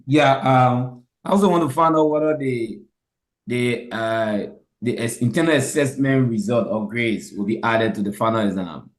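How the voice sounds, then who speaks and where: A man's voice: medium pitch, normal speed. Male student, careful phrasing, roomy echo on the call. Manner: careful, checks he is understood.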